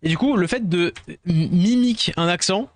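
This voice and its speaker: A man's voice: high-pitched, normal speed. A man from France, chatting casually with his viewers as a streamer, rambling and self-deprecating, tired, dropping English words into his talk.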